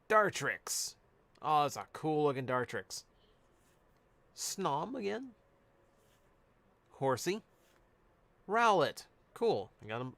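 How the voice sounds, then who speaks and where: A man's voice: a little high, a bit bright, no echo. A man chatting casually on a live stream, reading out cards and answering chat. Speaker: streamer opening card packs.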